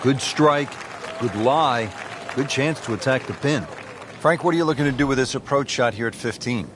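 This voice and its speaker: This man's medium-pitched voice is lightly acted and keeps a moderate pace as he commentates on golf, polished in the broadcast manner and questioning his co-commentator. Behind him, the outdoor crowd noise comes through clearly.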